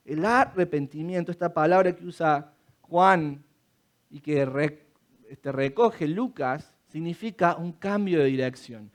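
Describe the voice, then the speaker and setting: High-voiced man preaching with emphasis. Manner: emphatic, with rhetorical questions and acted quotes. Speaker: pastor. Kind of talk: sermon. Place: church.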